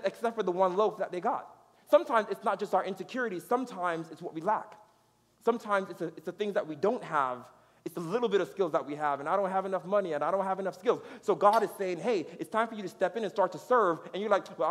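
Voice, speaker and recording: A man preaching a sermon as pastor, energetic and conversational, laughing and checking in with his audience. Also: sits high, long reverb tail.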